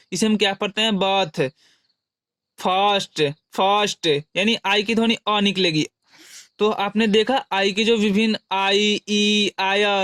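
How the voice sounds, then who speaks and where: Man, teacher, high voice, dry close sound, asks and answers himself. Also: a bit bright, dry recording. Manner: repeats questions and answers them himself; spells out example words slowly. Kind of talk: classroom-style explanation.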